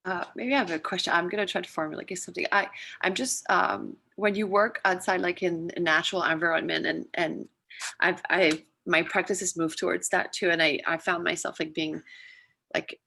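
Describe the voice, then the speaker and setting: Halting low-voiced woman on a video call. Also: steady tone, vocal fry, pushed and bright. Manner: searching, full of "like" and restarts. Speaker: audience member asking a question. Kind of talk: online Q&A question.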